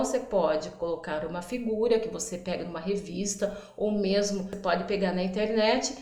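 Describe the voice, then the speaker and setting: A woman teacher explaining early literacy activities, sounding out words slowly and acting out her prompts to children. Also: medium pitch, darkish tone, roomy sound. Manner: stretches out words for demonstration, acts out classroom prompts. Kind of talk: instructional explainer.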